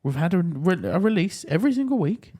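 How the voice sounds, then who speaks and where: Animated joking male podcast host. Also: high voice, brisk. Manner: joking, animated, laughs often. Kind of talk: casual banter.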